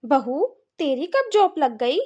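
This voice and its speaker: A woman's voice: high voice, sing-song, takes it slowly, a little mellow, muffled recording, exaggerated voice. A woman voicing a bossy, complaining middle-aged mother-in-law in a cartoon, nagging and scolding.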